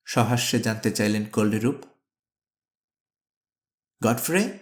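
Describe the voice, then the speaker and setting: A man's voice: mid-range voice, lively intonation, moderate pace. Man narrating a dramatic storybook. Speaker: audiobook narrator. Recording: echoey room.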